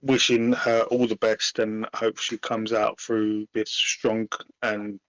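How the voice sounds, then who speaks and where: A man's voice: lowish voice, little pitch movement, slow pace, a bit bright, dry recording, rough recording. Teasing man, dry sound. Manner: jokey, teasing banter. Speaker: podcast co-host. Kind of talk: casual chat.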